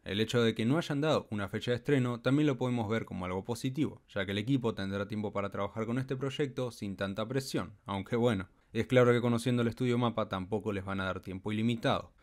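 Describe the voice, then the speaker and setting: A man narrating a scripted anime news commentary as a channel host, with a steady explanatory delivery. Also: lowish voice, fast talker, hardly any pauses.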